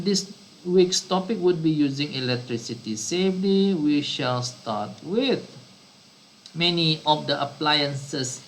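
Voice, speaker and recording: A man from Brunei teaches children a slow online science lesson, often repeating and rephrasing what he says. His voice is a little high and gravelly, and the recording is rough.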